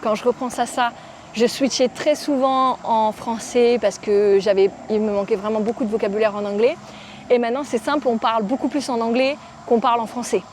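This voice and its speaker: Young French woman vlogger, fairly high voice, casual and chatty, phone recording in a park with faint city noise. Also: steady tone, fairly quick. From France. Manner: chatty, informal, frequent fillers. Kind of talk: casual talk to camera. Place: outdoors in a park. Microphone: phone camera.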